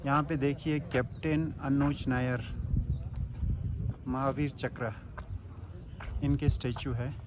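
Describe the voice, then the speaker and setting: Male travel vlogger, casual guided-tour narration, mid pitch, dull phone sound outdoors. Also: level tone. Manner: points things out, names plaques slowly. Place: outdoor war memorial lawn in mountains. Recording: muffled phone audio with outdoor noise.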